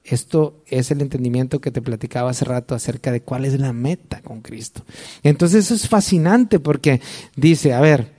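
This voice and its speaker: A man's voice: mid-range voice, normal speed, dark tone. A man in his forties with a Mexican accent, preaching a sermon in a conversational way and speaking straight to his listeners. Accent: Mexican Spanish. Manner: conversational, addresses listener directly. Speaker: pastor.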